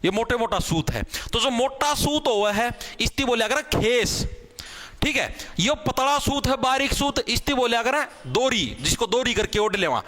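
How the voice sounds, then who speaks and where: In an extremely high, sharp, and animated voice, a Haryanvi-accented man teaches a general knowledge exam class at a moderate pace. Repetitive in style, he calls his students "bhai," often checks their understanding with "theek hai," and displays cloth samples during his explanation.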